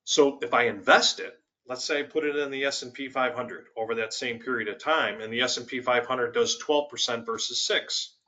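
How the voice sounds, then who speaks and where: A man's voice: mid-range voice, moderate pace, few pauses, bright, forceful tone. A man explaining money principles on a webinar, walking through worked examples with emphasis. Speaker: financial executive guest.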